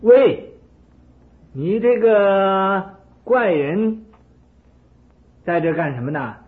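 A man voicing a jealous, hot-tempered ancient king who shouts his taunts, heard through a narrow phone-like recording. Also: medium pitch, animated, unhurried, natural voice. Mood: angry.

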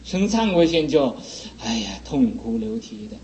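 A man, a Buddhist teacher, lecturing on a sutra in an earnest voice and gently scolding and teasing his listeners. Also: mid-range voice, sing-song, moderate pace, highs cut off, slight background noise.

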